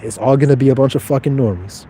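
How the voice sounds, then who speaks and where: On a livestream, a man in his twenties reads chat and answers viewers bluntly and offhandedly, swearing freely in a detached way. His dark, mellow, mid-range voice moves fast over a faint hum of background noise.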